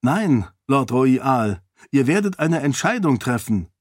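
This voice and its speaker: A man's voice: mid-range voice, very animated, takes it slowly, no room sound, studio quality, voice pushed up. A man voicing a resolute young princess who argues firmly and urgently with a council of lords. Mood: firm persuasive. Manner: firm, persuasive, urgent.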